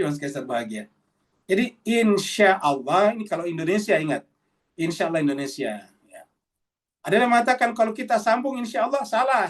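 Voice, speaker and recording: A middle-aged man preaching a Quran study sermon to a congregation, emphatic and lively, repeating his points. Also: high voice, far from the mic. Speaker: Islamic preacher.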